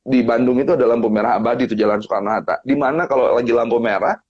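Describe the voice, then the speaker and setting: A man talking casually as a guest on a family live stream, telling animated stories and acting out other people's lines with big jumps in his voice. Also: medium pitch, racing, husky, dull audio. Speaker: guest speaker on family topics. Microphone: live-stream mic.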